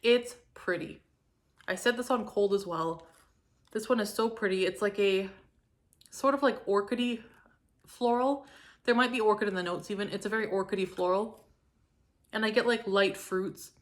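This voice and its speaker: In a casual product review vlog, a young woman from Canada gushes about a home fragrance, her talk full of likes and ums. She speaks at a moderate pace with frequent pauses, in a mid-range voice made a little hoarse by a cold.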